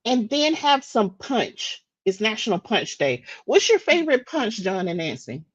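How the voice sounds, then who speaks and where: A woman's voice: a little high, big pitch swings, unhurried, husky, no room sound, lo-fi sound. A woman from the United States presenting daily facts in a casual live-stream chat, talking freely with restarts and fillers. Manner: chatty, with frequent restarts and fillers.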